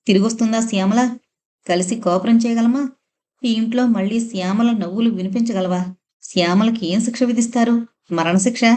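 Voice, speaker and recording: Female audiobook narrator, mid pitch, emotional first-person novel reading. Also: a little mellow.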